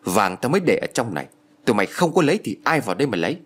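A man's voice: medium pitch, big pitch swings, racing, husky. A man playing a greedy, cunning older woman who screeches accusations in a storybook reading. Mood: scheming, accusing. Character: greedy shrewish older woman, shrill, furious.

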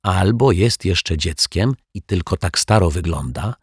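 A man voicing an excited, chatty young girl who talks in a hushed, eager voice. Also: low-pitched, measured pace, slightly rough, dry recording, studio quality, full character voice. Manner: excited, whispering.

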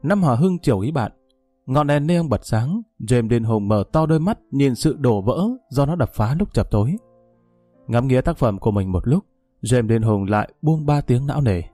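Man, storyteller, mellow warm voice, dry close sound, faint music behind. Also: mid-range voice, expressive, moderate pace, dry recording. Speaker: narrator. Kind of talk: scripted story narration.

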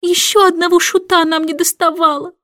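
A woman voicing a fussy, indignant queen with a shrill voice. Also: fairly even intonation, fairly quick, fairly bright tone, no room sound, studio quality.

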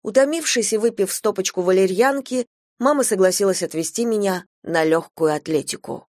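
A woman reads a humorous story aloud in a wry, expressive manner. Her voice sits at an ordinary middle pitch, and the recording is dry and close, with no room echo. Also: moderate pace. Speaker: narrator. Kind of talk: storytelling reading.

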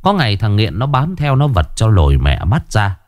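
A man voicing a sharp-tongued gossiping woman who speaks with crude, mocking words. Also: lowish voice, huge pitch swings, normal speed.

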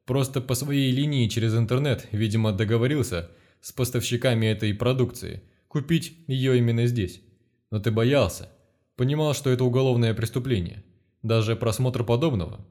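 A man's voice: medium pitch, fairly quick, mellow, natural voice. A stern, commanding male investigator, read by a man narrating the book. He speaks bluntly and with open contempt, close to the reader's own voice. An audiobook character reading. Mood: lecturing.

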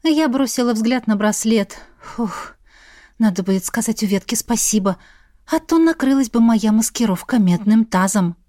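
Woman reading a story aloud, wry tone, kinda high voice, dry close sound. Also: expressive, moderate pace, mellow, dry recording. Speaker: audiobook narrator. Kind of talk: first-person audiobook narration.

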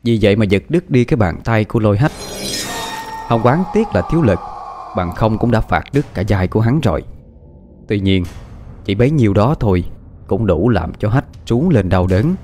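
A man narrating a martial fantasy audiobook in a dramatic, expressive reading style. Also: lowish voice, slight background noise. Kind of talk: scripted story narration. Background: faint background music.

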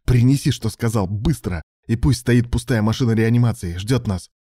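A man's voice: mid-range voice, moderate pace, warm tone, no echo, studio quality, natural voice. A man voicing a commanding surgeon under pressure. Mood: urgent, firm.

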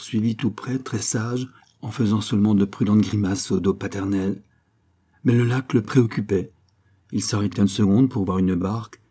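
Male narrator for a short story, low and husky, measured dramatic delivery. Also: dark tone.

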